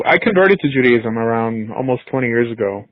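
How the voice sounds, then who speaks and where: A man in his 40s from the United States hosts a talk, chatting casually and telling stories in a relaxed way. His voice is mid-range and fairly quick. The audio is narrow and tinny with no room sound.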